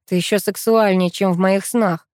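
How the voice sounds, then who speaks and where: A woman's voice: medium pitch, fairly even intonation, normal speed, darkish tone, dry recording, clean studio sound, close to an everyday voice. A woman voicing an ardent, confident young male lover in an audiobook. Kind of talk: audiobook reading.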